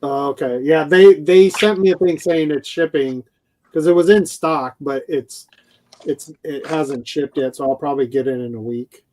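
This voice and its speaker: A man with a slightly high voice rambles through a story. He chats casually with friends on a live stream. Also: moderate pace, a little mellow, slight background noise.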